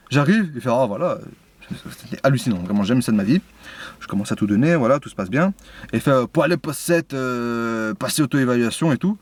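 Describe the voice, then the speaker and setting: A young man rattles through a story at a quick clip. His talk is slangy and full of fillers, with an indignant edge as he goes. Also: mid-range voice, breathy edge. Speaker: YouTuber. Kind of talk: casual story time.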